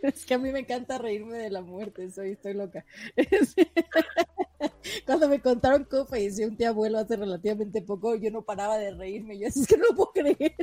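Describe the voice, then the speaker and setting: A woman's voice: on the high side, lively intonation, dark tone. A woman, chatting on a panel and laughing often as she tells a tech news item. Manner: laughing, chatty, quick asides. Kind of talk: casual panel chat.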